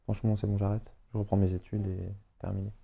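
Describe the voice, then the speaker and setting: A man's voice: lowish voice, quick pace, creaky, slightly rough. Young suburban Paris guy telling a story. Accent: Parisian suburbs French. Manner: slangy, animated, acts out quotes. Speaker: podcast guest, footballer. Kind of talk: casual storytelling chat.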